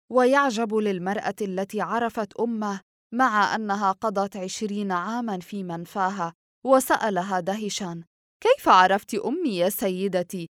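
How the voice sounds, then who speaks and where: A woman reading a novel aloud as an audiobook narrator, with steady storytelling. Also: mid-range voice, no echo, clean studio sound. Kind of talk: scripted narration.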